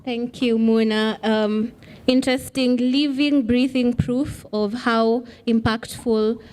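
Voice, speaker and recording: Woman moderator at a summit, slightly high voice, thanks speakers, few ums. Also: steady tone, takes it slowly, a little mellow, a little hiss or hum.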